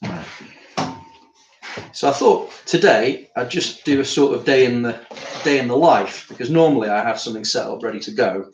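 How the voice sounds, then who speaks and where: A man's voice: medium pitch, lively intonation, moderate pace, vocal fry, dull audio. British man, casual live-stream chat, rambling, tired, echoey studio, faint background noise. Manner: rambling, chatty, thinking aloud. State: tired after climbing. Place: art studio.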